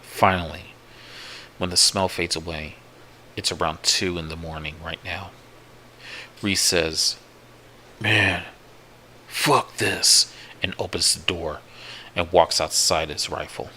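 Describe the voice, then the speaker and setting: A man narrating a first-person horror story in a profane, repetitive, unhurried way. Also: deep voice, flat delivery, sharp tone, slight background noise, poor audio. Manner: profane, slow, repetitive retelling.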